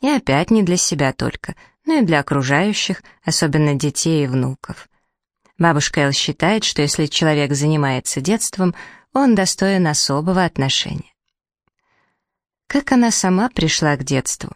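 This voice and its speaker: A woman narrates a story in a gentle, unhurried audiobook style. Her voice sits low. The recording is close and dry, with no room around it. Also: lively intonation, no room sound. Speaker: reader.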